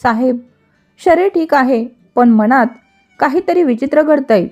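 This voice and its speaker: A troubled young man with lost memories searches haltingly for each word, as a high-voiced woman narrator reads him. Soft music plays faintly behind the storybook reading. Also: lively intonation. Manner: hesitant, searching.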